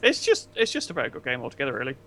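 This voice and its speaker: A man co-hosting a casual gaming podcast, relaxed and rambling with lots of fillers. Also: mid-range voice, rapid-fire. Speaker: podcast co-host. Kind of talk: casual chat.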